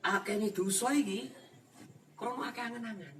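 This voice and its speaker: A man's voice: high-pitched, a little fast, a bit bright. A man with a Javanese accent giving an informal religious lesson, acting out dialogue and laughing often. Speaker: ustaz teaching a kitab study. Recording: distant mic with room noise.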